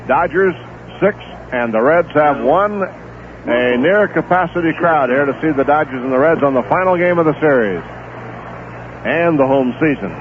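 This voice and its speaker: A play-by-play announcer calls a live baseball game on the radio, steady and unhurried, filling the gaps between pitches with stats and notes about the players. The broadcast sounds like tinny 1970s AM radio with a little hiss or hum.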